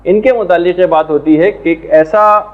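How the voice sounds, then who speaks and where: A man teaching a religious lesson in a measured, explanatory way, now and then reciting Arabic prayers and verses. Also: sits high. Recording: tinny phone-like sound.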